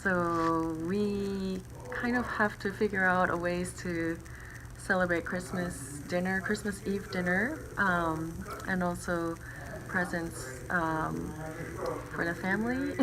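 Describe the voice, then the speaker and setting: Slow, hesitant woman from Japan. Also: fairly low pitch, crowd noise, poor audio. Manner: hesitant, many ums. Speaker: interviewee. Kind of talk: recorded interview.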